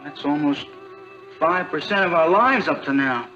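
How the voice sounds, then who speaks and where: An actor playing an earnest, jealous teenage boyfriend in a 1960s TV sitcom. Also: male voice, a little high, moderate pace, bright, forceful tone, soft background music. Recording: dull old TV soundtrack.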